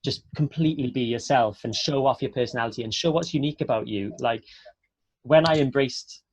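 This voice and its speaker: Speaking briskly with a breathy edge, this Welsh-accented actor from south Wales offers students casual, encouraging advice in an earnest, chatty manner. His pitch sits in the middle, and the sound is dry, as on a close online webinar call.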